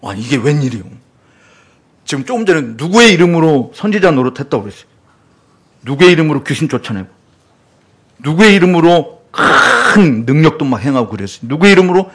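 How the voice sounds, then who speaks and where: A man with a fairly high voice delivers a sermon. He is animated, acts out the voices of the people he quotes, and keeps putting questions to his listeners. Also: a little fast, slightly rough. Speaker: preacher.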